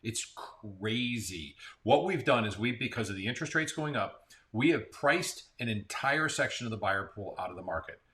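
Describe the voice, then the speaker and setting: A man's voice: lowish voice, lively intonation, normal speed, few pauses, fairly bright tone. An American man co-hosting a casual real estate market chat, explaining figures with frequent restarts. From Central Florida. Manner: conversational, explains numbers with restarts. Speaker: real estate agent, co-host.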